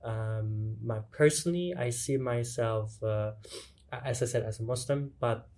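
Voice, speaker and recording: A man's voice: mid-range voice, measured pace, a little mellow. A young man from Germany, a student guest answering in an earnest way and often searching for words. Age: young adult. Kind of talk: casual interview answers.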